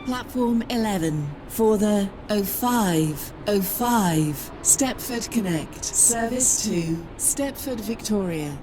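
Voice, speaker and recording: A woman's automated platform announcement played through a loudspeaker, the station names read slowly one by one. The delivery is flat and clipped, and a steady hiss of background noise sits under the voice. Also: mid-range voice.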